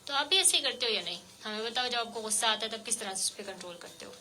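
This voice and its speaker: A woman hosting a radio show, interviewing a child guest with gentle, coaxing questions full of fillers. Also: on the high side, animated, slight background noise. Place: radio studio.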